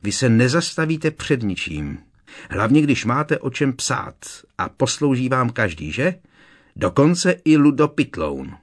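A man's voice: medium pitch, sing-song, pitched above the performer's own voice. A man voicing a fiery, indignant teenage schoolgirl who talks in an agitated, raised voice.

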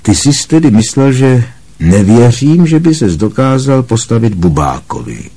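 A man voicing a kind, wry middle-aged male wizard teacher who speaks calmly and with gentle amusement. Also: medium pitch, creaky, slightly rough, voice pushed up, heavily acted. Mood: gently amused.

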